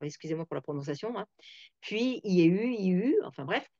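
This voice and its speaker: As host of a reflective talk, a woman thinks aloud, full of fillers and restarts, in a low-pitched voice with lively intonation and a fairly quick pace. The sound is dull, dry and lo-fi.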